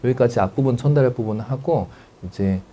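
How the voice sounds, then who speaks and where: A man's voice: medium pitch, brisk, mellow, slight background noise. A man giving a lecture to parents as a counselor, acting out family dialogues and often checking that the audience follows.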